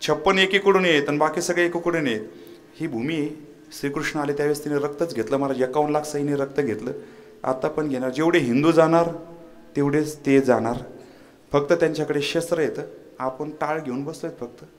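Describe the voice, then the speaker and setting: A man preaching a devotional kirtan to a live audience, quizzing them for quick answers and mixing scripture with humorous anecdotes. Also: a little high. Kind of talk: devotional kirtan sermon with audience call-and-response.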